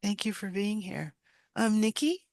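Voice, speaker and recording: Middle aged lady hosting a webinar, kinda halting, mid pitch, dry headset sound. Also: expressive, a little mellow, dry recording. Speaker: webinar host. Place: indoor video call.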